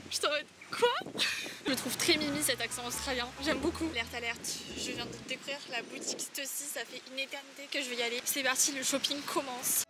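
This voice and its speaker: Young french woman, high-pitched, chatty and gushing, music behind her voice. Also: fairly even intonation, quick pace, hardly any pauses. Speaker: vlogger. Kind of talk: casual travel vlog narration.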